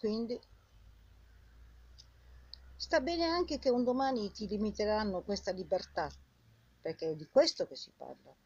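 An older woman with a husky old woman's voice delivers an indignant, scolding monologue straight at the listener, full of rhetorical questions and repeated phrases. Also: mid-range voice, animated, measured pace, pauses often, a little mellow, no echo. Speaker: vlogger. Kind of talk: impassioned informal monologue addressed to the viewer. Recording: dull lo-fi sound.

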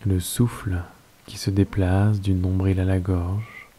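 Slow, calm and soft-spoken, a deep-voiced Frenchman walks listeners through a yoga nidra meditation as their guide.

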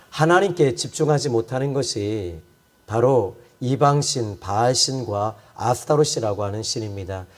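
A man preaching a sermon as a pastor, impassioned, often speaking God's pleading words to the congregation. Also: medium pitch.

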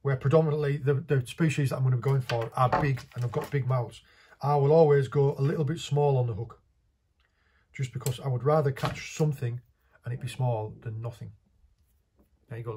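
A man's voice: medium pitch, fairly even intonation, a little fast, darkish tone, a little hiss or hum. A man, casually talking through a hands-on fishing tutorial while he works, in a small indoor workshop. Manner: chatty, practical, talks while working with his hands.

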